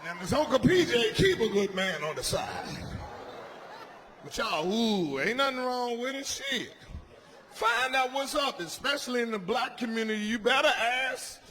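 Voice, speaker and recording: A man from Washington, D.C., doing a stand-up comedy set on a club stage, loud, dropping low and mumbling then shouting his punchlines. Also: expressive, moderate pace. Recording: live club recording with ambient noise.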